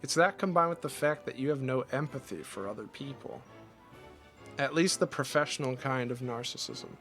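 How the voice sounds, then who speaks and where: A male streamer talks casually while playing a game, rambling and restarting his thoughts often. His voice is bright and a bit sharp at a middle pitch. Faint game music plays behind him. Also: moderate pace. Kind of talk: casual chat while gaming.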